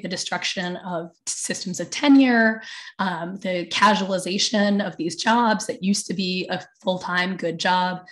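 Tired-voiced woman on a video call. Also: mid-range voice. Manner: conversational, many fillers and asides. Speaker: panelist. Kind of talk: webinar talk. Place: her own room at home. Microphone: computer mic on video call.

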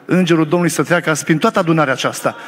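A man's voice: fairly high pitch, a bit bright. A male pastor preaching a sermon to his congregation, telling a story with fervent conviction. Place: church hall during a service. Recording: long reverb of a church hall.

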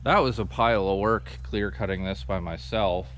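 A man, casually explaining his sawmill setup outdoors in a forest clearing, talking to a camera held at arm's length with plenty of ums. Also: on the low side, normal speed, a little hiss or hum. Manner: relaxed, rambling explanation with many ums. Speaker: sawmill vlogger. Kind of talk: casual walkthrough vlog.

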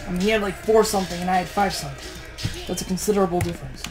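A tired woman in her morning voice hosts a let's play, chatting through gameplay on a push-to-talk mic and grumbling in exasperation at how it's going. Her voice is lowish and very fast, with music behind it and poor audio quality.

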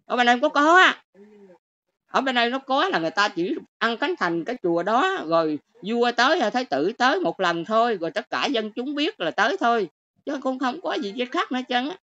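A woman's voice: fairly high pitch, very animated, brisk, bright, forceful tone, no room sound. An older woman with a Southern Vietnamese accent, ranting and lecturing her viewers on a livestream in a scolding, exclamatory way. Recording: dull lo-fi stream audio.

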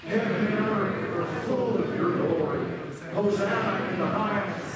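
An older man, a pastor, solemnly leading liturgy and prayer aloud in measured phrases to a congregation. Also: high-pitched. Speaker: pastor leading a Christmas Eve communion service. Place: large church sanctuary, indoors. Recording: echoing cathedral-like church reverb, distant microphone, faint noise.

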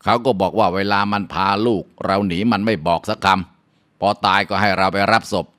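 A man's voice: lowish voice, steady tone, normal speed, fairly bright tone, close to an everyday voice. A man voicing a blunt middle-aged village neighbor in a folk tale, giving harsh but consoling advice.

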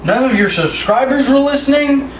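A high-voiced eighteen-year-old man cutting a backyard wrestling promo, all sarcasm and taunts. He sounds set back from the mic in an echoey room, with steady noise underneath. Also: normal speed. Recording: roomy, distant, noisy home recording.

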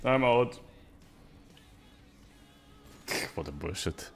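A man in his thirties giving casual, profane live-stream commentary as a casino game streamer, with excitable outbursts. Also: mid-range voice, drawn-out words, creaky, faint music behind. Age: 30s.

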